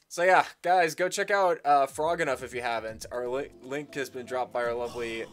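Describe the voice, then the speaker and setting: A man hosting a casual gaming stream, chatting and yelling at the game as he plays. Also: mid-range voice, normal speed. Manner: excitable, yells and laughs at game moments. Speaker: streamer host. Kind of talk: casual chat while gaming. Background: background game music.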